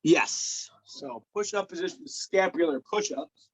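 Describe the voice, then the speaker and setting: A man working as a personal trainer with a hoarse voice, coaching a client through exercises step by step with easy laughs. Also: fairly high pitch, lively intonation, unhurried, poor audio. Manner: patient step-by-step instructions, laughs easily. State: hoarse, lost voice. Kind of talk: remote workout coaching.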